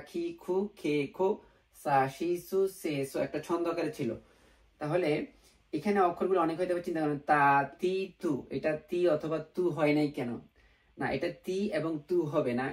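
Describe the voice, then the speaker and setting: A man's voice: fairly high pitch, darkish tone. Guy teaching japanese letters at a whiteboard, patient, says each sound again and again, mic kinda far off. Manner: patient, repeats sounds slowly and often. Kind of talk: whiteboard language lesson.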